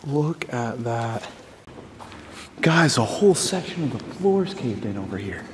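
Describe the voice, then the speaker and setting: A man's voice: medium pitch, very animated, a little slow, noisy background. A man exploring an abandoned church and school on a casual vlog, talking to viewers and exclaiming in awe at what he sees. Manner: awed, exclaiming, laughs easily. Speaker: urban explorer. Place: large abandoned brick church, indoors.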